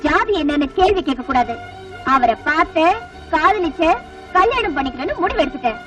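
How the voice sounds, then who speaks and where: A bold young heroine, teasing and forthright, her voice very high and lively. She sounds distant on a film soundtrack, with music underneath. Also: moderate pace. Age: young adult. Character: bold, rich, educated young village woman. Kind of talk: Tamil film dialogue.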